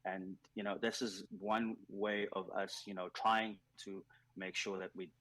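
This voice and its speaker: This is a man with a low voice, speaking earnestly and at a measured pace as a guest in a radio studio. The sound is dry and close, with no room around it. He is from South Africa and fills his pauses with ums and uhs. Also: little pitch movement, fairly bright tone, no room sound, poor audio. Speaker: nonprofit digital skills program leader.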